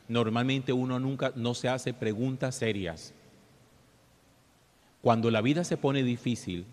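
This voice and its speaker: A man, a priest, reading the Gospel and preaching a homily at Mass in a measured, deliberate way, his voice ringing with a long cathedral-like reverb. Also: mid-range voice. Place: large church. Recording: long church hall reverb.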